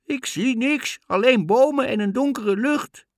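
A man voicing a young sister who calls down from a tower in a very high, shrill voice in a fairy tale. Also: unhurried, no echo, studio quality. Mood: anxious.

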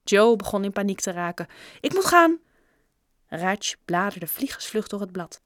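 A woman narrating a children's storybook in an even, measured reading, recorded on a close studio mic. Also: mid-range voice, no echo. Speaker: audiobook narrator.

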